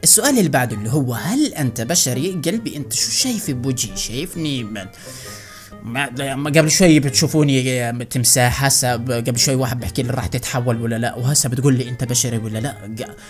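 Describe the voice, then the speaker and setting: A man's voice: medium pitch, fast, faint music behind. A young man with a Jordanian Arabic accent, a gaming YouTuber answering fan questions in casual, joking chat. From Jordan, Iraqi family. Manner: excitable, joking, chatty. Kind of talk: casual Q&A with fans.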